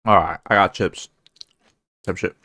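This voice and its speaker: A man's voice: deep voice, fairly even intonation, a little slow, pushed and bright. Jokey man reacting to a video. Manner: jokey, profane asides. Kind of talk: casual reaction commentary.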